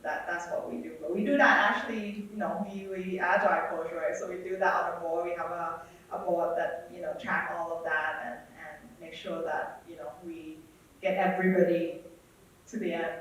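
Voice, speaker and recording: A man's voice: on the high side, steady tone, normal speed, pushed and bright. Guy from thailand answering questions on stage, stop-start with lots of fillers, big echoey hall, far off mic. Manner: hesitant, repeats words, many fillers. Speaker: guest speaker. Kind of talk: conference interview answers.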